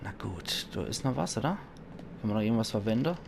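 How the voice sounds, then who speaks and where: A man's voice: lowish voice, animated, fast, vocal fry. A man doing casual, blunt let's play commentary, reacting aloud and swearing as he plays. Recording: faint background noise.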